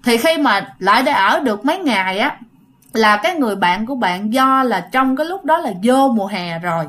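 Southern vietnamese woman spinning a ghost story, fairly high voice, chatty and talks right to you. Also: expressive, a little fast. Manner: chatty, addresses listeners directly, acts out quoted shouts. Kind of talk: casual spoken storytelling.

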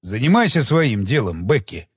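A blunt, harsh police inspector, as a male reader plays him, terse and sharp. His husky voice sits lower than the narration. A long reverb lingers behind it. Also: big pitch swings, moderate pace.

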